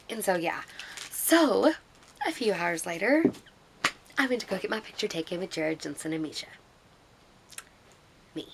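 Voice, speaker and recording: Gushing woman with a gravelly voice. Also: mid-range voice, slight background noise. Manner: excitable, rambling, gushing. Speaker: vlogger. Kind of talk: casual storytelling vlog.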